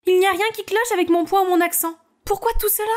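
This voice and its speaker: A woman's voice: very high voice, steady tone, fast, voice pushed up. A woman doing a worn-out, complaining teen girl. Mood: griping. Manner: complaining and exasperated. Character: weary teenage girl pushed into fame. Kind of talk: storybook character voice.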